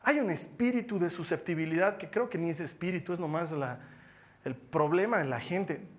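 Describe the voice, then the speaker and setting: A male pastor giving a sermon in a lively, humorous storytelling manner, moving between loud emphatic lines and soft asides. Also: a little high, moderate pace.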